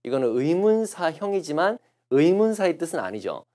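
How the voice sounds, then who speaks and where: A man lecturing on English test answers, explaining patiently and repeating phrases slowly to show how they are pronounced. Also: a little high, very animated, darkish tone. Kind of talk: recorded classroom lecture.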